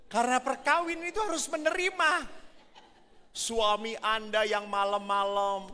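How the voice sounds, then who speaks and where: Priest man joking around in a sermon, bright voice, big echoey church hall. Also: very high-pitched, normal speed. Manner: animated, joking, playful storyteller. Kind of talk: humorous sermon to married couples. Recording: reverberant church hall, faint ambience.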